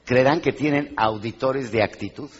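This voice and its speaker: Male motivational speaker, husky, animated and quizzing the crowd; live in a dull-sounding echoing hall. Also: medium pitch, moderate pace. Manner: animated, asks the crowd questions, acts out little scenes. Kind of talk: live motivational talk to an audience.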